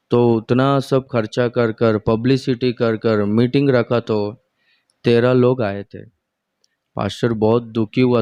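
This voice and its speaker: Pastor preaching real slow, chatty, asks the crowd stuff, dry close sound. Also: male voice, medium pitch, darkish tone, clear, resonant tone, no echo, lo-fi sound. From India. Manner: slow, conversational preaching with rhetorical questions to the congregation. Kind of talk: sermon.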